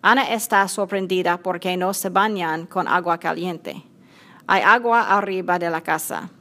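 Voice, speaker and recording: Low-voiced woman reading a story. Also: sharp tone. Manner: clear, simple, measured reading. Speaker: narrator. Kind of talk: scripted storybook narration.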